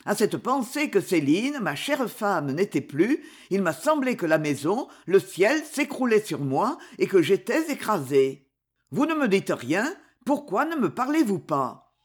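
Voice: medium pitch, big pitch swings, measured pace, husky. A reader of a French novel voicing a grown man who comes home and urgently questions his mother. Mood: desperate. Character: man returning home, son and husband, desperate.

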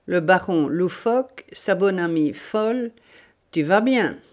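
A woman's voice: on the low side, expressive, takes it slowly. A woman reading a sneering bandit's accomplice. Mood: mocking. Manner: joking, sneering. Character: mocking male accomplice of a bandit.

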